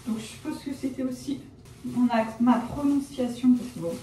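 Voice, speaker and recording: A woman's voice: a little high, steady tone, normal speed, warm tone, a little hiss or hum. Rambling young woman, roomy far-off sound. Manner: rambling, self-correcting, lots of fillers like genre and euh; shy and reserved by her own account. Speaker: vlogger. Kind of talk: casual chatty vlog while dyeing her hair. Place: at home, indoors. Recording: roomy, from off the mic, faint background ambience.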